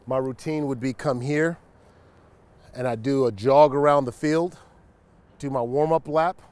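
This man in his forties, once a football player, strolls through a deserted locker room and stadium sharing memories in an easygoing walk-and-talk. His voice is smooth and medium-pitched with a measured pace. Mostly laid-back and thoughtful, he perks up when greeting a friend.

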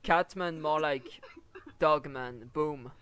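A man's voice: on the high side, takes it slowly, a bit bright. A young man streaming a horror game, chatting casually and teasing a friend over voice chat, laughing often. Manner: joking, teasing, laughs a lot. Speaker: gameplay streamer. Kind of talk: casual voice chat while gaming. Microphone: headset or desk mic on voice chat.

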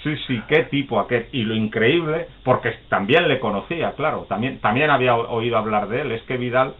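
A man's voice: mid-range voice, a little fast. A man telling funny anecdotes in a casual live chat, often laughing and acting out the people in his stories. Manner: chatty, laughs often, acts out quoted voices. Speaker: guest storyteller. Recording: phone-like call audio.

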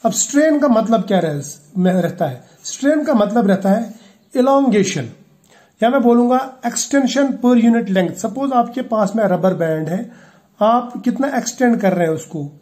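A man's voice: sits high, lively intonation, measured pace, mellow. A man teaching a chemistry lecture, explaining step by step, mixing English terms into his Hindi, and checking in with his students. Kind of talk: classroom lecture.

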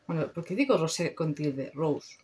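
A young woman from Spain talks through a makeup haul in a loose, chatty way, full of slang and casual swearing. Her voice sits at an ordinary middle pitch. A faint hiss of background noise runs under the recording. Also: moderate pace. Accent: Spain Spanish. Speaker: beauty vlogger. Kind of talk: casual product review.

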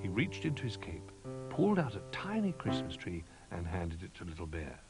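A man narrating a children's storybook in an animated, sing-song manner. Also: deep voice, normal speed. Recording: music under narration.

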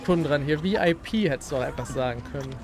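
A man's voice: on the high side, fast talker, over music. A man in casual gaming chat with friends, talking in a wry, teasing way. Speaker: gamer in a group of friends.

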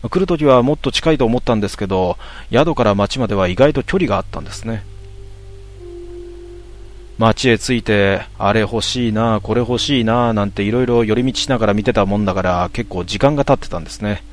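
A man reading a ghost story aloud in a calm, measured storytelling manner. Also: fairly low pitch, slight background noise.

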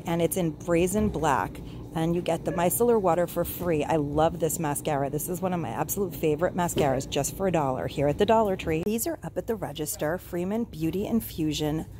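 A middle-aged woman with a somewhat low voice gushes over products in a casual shop-with-me vlog. She records on a handheld phone inside a discount store, with a faint hum of store noise behind her. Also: mellow. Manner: gushing, enthusiastic product descriptions. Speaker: shopping vlogger. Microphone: handheld phone camera.

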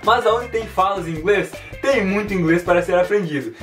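Man teaching English slowly. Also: high voice, far from the mic, soft background music. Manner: clear and didactic, repeats words slowly. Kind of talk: language lesson.

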